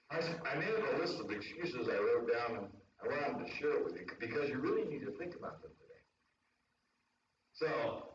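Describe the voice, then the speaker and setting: A man giving a homespun, rambling sermon with jokes as a lay preacher, recorded from a distance in a church room. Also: medium pitch. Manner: homespun, rambling storyteller who laughs at his own jokes. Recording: very echoey room, distant lo-fi mic with faint hiss.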